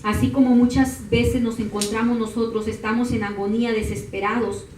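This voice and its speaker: Woman preacher, high voice, heats up into fervent shouting, echoey church mic from far off. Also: moderate pace, a little hiss or hum. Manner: builds from calm teaching to high impassioned shouting. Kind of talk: sermon.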